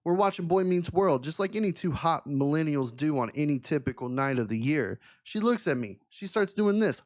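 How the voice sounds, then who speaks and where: A man's voice: on the high side, lively intonation, moderate pace. A man, a YouTuber and streamer, telling a comic story to camera in a mock-dramatic, self-deprecating way.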